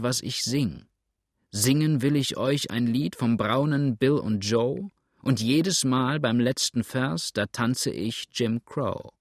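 A man voicing a wild, drunken male boatswain who shouts and chants a song. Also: medium pitch, gravelly, no room sound, clean studio sound, full character voice.

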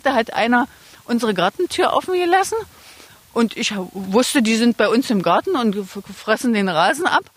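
A woman's voice: a little high, sing-song, normal speed. A woman in an interview, telling a story plainly and unhurriedly as an alpaca owner.

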